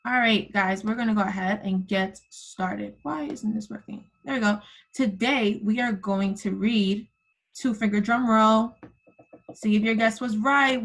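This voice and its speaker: In a low-quality recording from a computer microphone on a video call, a woman with a slightly high voice teaches kindergarten online. She runs an interactive lesson for young children, using simple prompts and endearments to encourage them.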